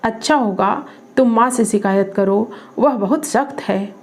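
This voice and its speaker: A woman's voice: on the high side, measured pace. A woman reading the lines of a playful, joking middle-aged man in a storybook drama. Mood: teasing. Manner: mischievous, joking.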